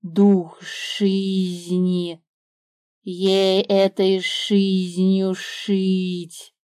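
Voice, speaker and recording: A woman's voice: medium pitch, flat delivery, mellow, clear, resonant tone, dry recording. A woman voicing a sly, mocking male serpent with a fanged grin in a storybook reading, drawing out every word. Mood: drawling sly. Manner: slow, drawn-out, sneering hiss.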